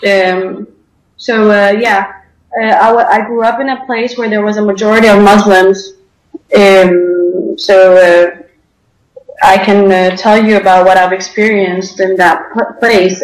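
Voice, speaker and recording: A woman's voice: mid-range voice, steady tone, a little slow, reverberant, rough recording. A young woman from Denmark answering interview questions over a video call, hesitant with many fillers.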